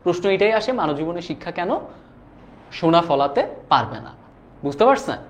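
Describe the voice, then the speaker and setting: A man's voice: a little high, big pitch swings, moderate pace, a little hiss or hum. A young man teaching a live online class. He talks casually, reads viewer comments aloud and keeps checking whether students follow. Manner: casual and chatty, often asks "do you understand?".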